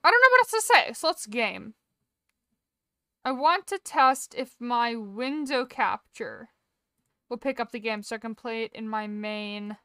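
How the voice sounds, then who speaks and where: A rambling, chatty woman streamer talks over her game, her voice a touch high and smooth. It comes through a heavily compressed mic, and the sound is dry and close with no room around it. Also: expressive, unhurried, pushed and bright, no echo. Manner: chatty, rambling, self-deprecating asides. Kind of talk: casual live-stream chat while gaming. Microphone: desk mic with software compressor.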